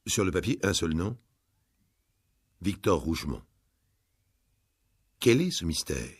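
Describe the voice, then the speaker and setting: Deep-voiced man narrating a true story. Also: big pitch swings, takes it slowly, husky, dry recording. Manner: storyteller pacing, swelling and hushing. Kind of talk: dramatic audiobook reading.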